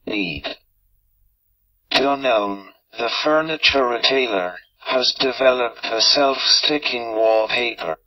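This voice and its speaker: Synthetic male reader, unhurried, muffled low-sample-rate playback, a bit robotic. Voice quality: slightly robotic. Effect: text-to-speech reading voice. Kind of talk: synthetic read-aloud of an article.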